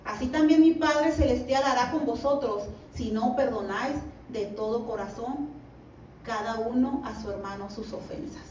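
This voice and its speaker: A woman giving a church Bible lesson, reading scripture slowly and often asking her listeners to agree. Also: on the high side, darkish tone. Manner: reads scripture slowly, asks the listeners "¿verdad?". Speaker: Bible teacher. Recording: echoey room, mic at a distance, faint background noise.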